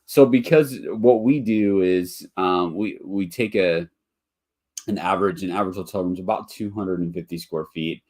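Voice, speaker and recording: In a deep, slightly mellow voice at a moderate pace, a motel investor runs a live webinar. His delivery is casual and rambling, peppered with ums and restarts, and allergies leave him somewhat nasal and congested.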